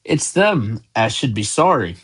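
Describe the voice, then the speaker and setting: Storybook giant: gruff, folksy, blustering, kindly , man reading. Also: mid-range voice, sing-song, unhurried, heavily acted. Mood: gruff, exasperated. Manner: loud blustering outbursts, folksy speech.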